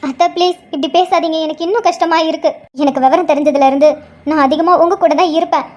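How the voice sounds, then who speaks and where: A woman's voice: extremely high pitch, steady tone, fast, darkish tone. A woman voicing a hurt young mother who speaks emotionally and tearfully but stands firm. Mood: pleading. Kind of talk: cartoon drama voice acting.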